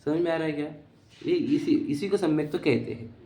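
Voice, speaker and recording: A man's voice: on the high side, moderate pace, mellow. Man teaching in an echoey room. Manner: keeps checking that listeners follow. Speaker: teacher of Jain philosophy. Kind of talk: explanatory religious lecture.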